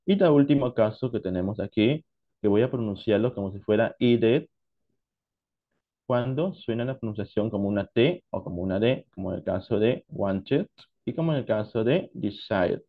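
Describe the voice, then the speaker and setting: Male English teacher from Peru, unhurried classroom explainer, dull low-fidelity recording. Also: animated. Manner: slow, deliberate explanations mixing Spanish and English. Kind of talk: online class lesson.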